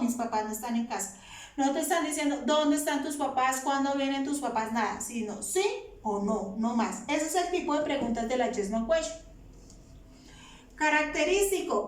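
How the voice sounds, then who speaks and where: Woman, grammar teacher, high voice, a bit far from the mic. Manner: patient, asks questions and answers them. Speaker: English teacher. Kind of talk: explaining grammar to students. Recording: echoey room, voice off-mic.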